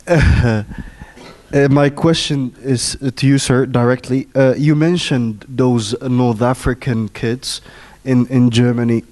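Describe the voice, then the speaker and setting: A man from Morocco poses a question from the floor of a panel, searching for words. He stumbles and repeats himself, and now and then clears his throat. His voice sits in a middle pitch. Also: darkish tone. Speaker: audience member asking a question.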